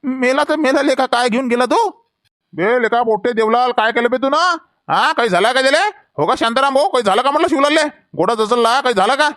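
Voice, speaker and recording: A man's voice: very high voice, lively intonation, brisk, fairly bright tone, no echo, studio quality. A man acting as a scolding village neighbor in a comedy skit, with a rustic Varhadi Marathi accent.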